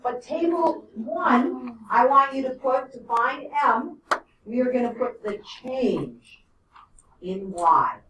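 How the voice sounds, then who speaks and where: A woman's voice: fairly high pitch, lively intonation, takes it slowly, background noise. A woman teaching a math lesson to a class, explaining step by step and checking in with "okay?" and "right?". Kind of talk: classroom lecture. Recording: echoey classroom from a distance.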